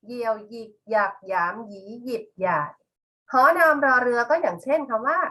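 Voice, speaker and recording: A middle-aged woman teacher giving a patient, slow classroom lesson, spelling out one example word after another. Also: on the high side, expressive, bright, forceful tone.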